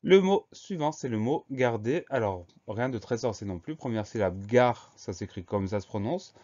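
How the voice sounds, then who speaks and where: A man teaching a spelling lesson, who explains each word slowly and spells it out letter by letter. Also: mid-range voice, lively intonation, a little mellow, muffled recording. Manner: slow, spells words letter by letter.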